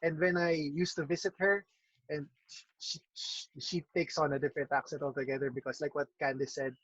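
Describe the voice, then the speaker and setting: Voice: mid-range voice, dry recording, muffled recording. A host reading audience questions and teasing playfully on a video call, mixing in Tagalog phrases. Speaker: host and moderator.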